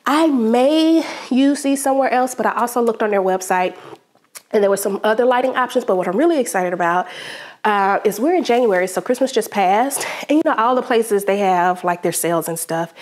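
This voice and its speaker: A woman chatting casually in a home vlog, reviewing products she was sent in an animated, friendly way. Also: a little high, moderate pace. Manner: chatty, animated, uses "child" and "y'all". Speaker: home DIY vlogger.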